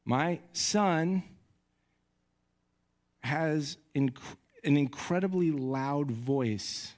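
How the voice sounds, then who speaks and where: A male pastor in his thirties preaches in an unhurried, measured way from a church stage. His voice sits a little high for a man, and he keeps the sermon conversational, growing animated when he tells stories. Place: church sanctuary. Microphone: handheld or headset mic.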